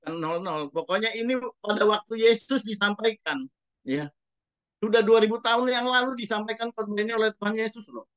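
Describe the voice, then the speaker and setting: A man's voice: sits high, a little fast, fairly bright tone, no room sound. Emphatic man preaching a sermon. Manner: emphatic preaching, addresses congregation directly, rhetorical questions. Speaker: pastor.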